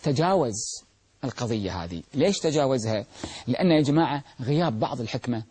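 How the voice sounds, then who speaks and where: A man's voice: mid-range voice, animated, a little fast, mellow, husky. A man giving a televised religious talk, emphatic, asking rhetorical questions and answering them himself. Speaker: religious lecturer.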